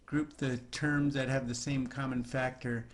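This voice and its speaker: A man's voice: medium pitch, flat delivery, a little slow. A man teaching a recorded math lesson, talking students through the steps in a chatty way with jokey asides.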